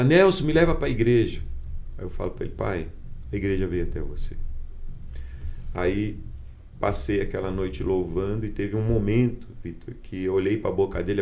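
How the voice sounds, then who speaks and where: Low-voiced Brazilian bishop telling a story. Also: male voice, vocal fry, warm tone. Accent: Brazilian Portuguese. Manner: heartfelt storytelling, acting out quoted dialogue. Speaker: guest bishop. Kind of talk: personal testimony in a podcast conversation.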